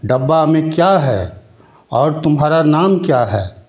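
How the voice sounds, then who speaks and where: A man's voice: fairly high pitch, lively intonation, unhurried, lo-fi sound, voice pushed up. A man voicing a greedy, bossy and gullible jackal in a children's folk tale, giving demanding, sing-song commands.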